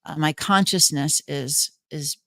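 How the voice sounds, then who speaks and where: A woman's voice: low-pitched, unhurried, vocal fry, bright, forceful tone, dry recording. Woman explaining earnestly, close dry sound. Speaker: guest, trance channeler. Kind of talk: conversational explanation in an interview.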